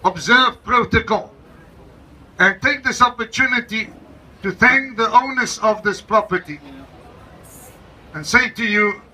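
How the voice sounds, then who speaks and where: A man, an interim leader, giving a slow, emphatic ceremonial welcome speech to a gathering and repeating his key phrases. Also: high-pitched, bright, forceful tone, breathy edge, poor audio. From South Africa.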